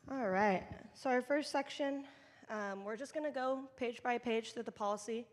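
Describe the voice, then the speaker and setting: A woman's voice: a little high, moderate pace, slight background noise. Ministry leader type, woman briefing volunteers in a conversational way, with a long hall echo. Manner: informal and conversational, addressing a group. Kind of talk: leading a volunteer training session. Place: church meeting room.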